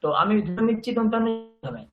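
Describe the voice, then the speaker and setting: Higher-voiced guy teaching over a call, voice keeps dropping out and crackling, dull lo-fi sound. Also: sing-song, fast. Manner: patient, drills forms by asking and repeating. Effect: voice breaking up and cutting out over a bad connection. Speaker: Sanskrit tutor. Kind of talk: one-on-one online grammar lesson. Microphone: online video call. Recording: dull, lo-fi call audio with dropouts.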